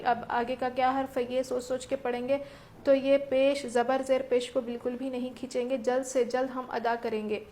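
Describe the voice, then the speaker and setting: Woman recitation teacher, higher pitch, even delivery; methodical tajweed lesson. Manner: explains rules step by step, asks and answers own questions.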